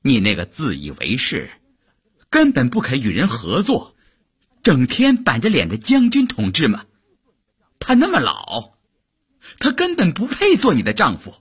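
A man voicing a jealous, scornful male officer in an audiobook, with an agitated, husky delivery. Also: mid-range voice, huge pitch swings, moderate pace, long pauses, a bit bright, pitched above the performer's own voice, full character voice. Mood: baffled. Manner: sneering, agitated.

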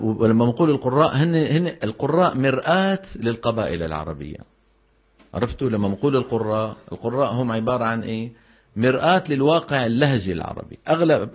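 A man's voice: mid-range voice, muffled recording. A man teaching Quran recitation rules, explaining letter articulation and quizzing his students with rhetorical questions. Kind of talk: tajweed lesson with recited examples.

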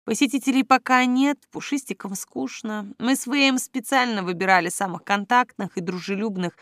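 A woman's voice: on the high side, moderate pace, a bit bright, dry recording, studio quality. A woman reading an audiobook, voicing a sweet, friendly teenage girl with a lifted, chatty tone. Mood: eager.

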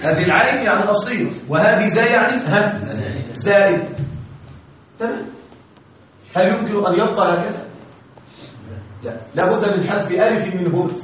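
A man lectures on grammar in a classroom and keeps throwing questions at his students. His voice sits high for a man and carries strong room echo. The recording is dull and lo-fi, with faint hiss behind it. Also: fairly bright tone, far from the mic. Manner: repeatedly quizzes students, pausing for answers. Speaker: Arabic grammar teacher.

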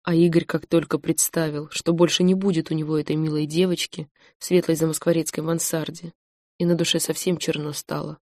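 A woman narrating an audiobook novel in an even, measured storytelling manner. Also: low voice, no room sound, clean studio sound. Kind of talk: scripted narration.

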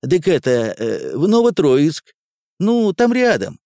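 A man's voice: on the high side, huge pitch swings, takes it slowly, creaky, mellow, no echo, clean studio sound, voice pushed up, exaggerated voice. A man voicing a simple, rustic young male truck driver who stammers hesitant filler words. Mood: muddled.

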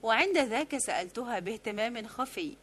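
Slightly high-voiced woman reading a novel. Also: animated, a little fast, fairly bright tone, slightly rough. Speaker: audiobook reader. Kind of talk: literary novel narration.

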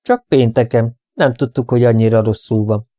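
A man reading an audiobook, voicing a sharp, quick-tempered young woman. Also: medium pitch, steady tone, dry recording, clean studio sound, natural voice.

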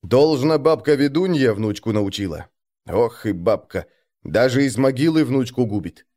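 A man's voice: medium pitch, animated, normal speed, mellow, natural voice. A man voicing a blunt, irritable wandering shaman who drawls and speaks sternly.

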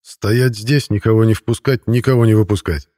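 A man's voice: on the low side, fast talker, warm tone, no room sound, studio quality, natural voice. A man reading a stern police colonel. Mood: strict. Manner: stern and reproachful.

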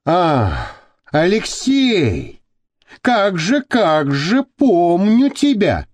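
A man reading a scheming, sinister older party boss in an audiobook, smooth and drawn out. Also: fairly high pitch, big pitch swings, slow, darkish tone, dry recording, exaggerated voice. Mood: gloating.

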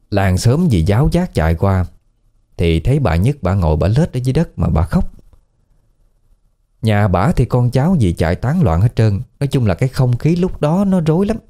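A man with a Southern Vietnamese accent, telling a ghost story in a casual, conversational way. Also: on the low side. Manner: conversational, colloquial, lively storytelling. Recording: faint background music.

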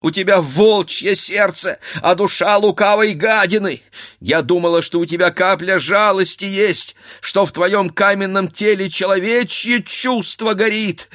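A desperate young Cossack wife cries out in raised, high, anguished pleas, as a man reading a storybook puts her on. Her lines come loud and accusing, heaped one on another. The sound is dry and close. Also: no echo. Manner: anguished, pleading, accusing outbursts. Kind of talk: dramatic audiobook reading.

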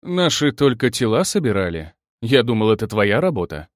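A man's voice: mid-range voice, big pitch swings, normal speed, no room sound, clean studio sound, natural voice. A man voicing a tired, clipped middle-aged officer speaking on the phone in an audiobook. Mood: weary.

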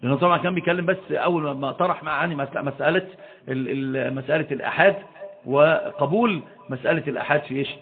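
A man giving a religious lecture, asking his listeners rhetorical questions and stalling often on repeated syllables. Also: fairly high pitch. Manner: asks the audience rhetorical questions; frequent restarts and drawn-out hesitations. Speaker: Islamic lecturer. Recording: tinny phone-like audio.

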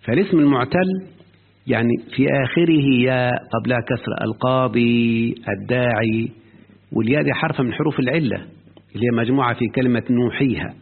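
Fast gravelly Egyptian sheikh teaching grammar. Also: male voice, medium pitch. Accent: Egyptian Arabic. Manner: keeps checking the listener has understood. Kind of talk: explaining a grammar book to a student. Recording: lo-fi phone-like recording.

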